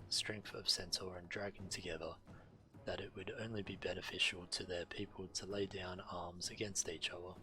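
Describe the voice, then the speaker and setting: This low, pushed and bright male voice belongs to a game streamer reading quest text aloud and now and then stumbling on the wording. The recording is rough, and video game music plays behind him.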